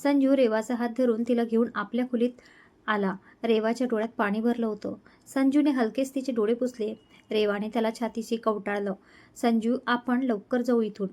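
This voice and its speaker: A woman reads an emotional story aloud as a storyteller. Her narration is steady and scripted, with a fairly high voice. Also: fairly quick.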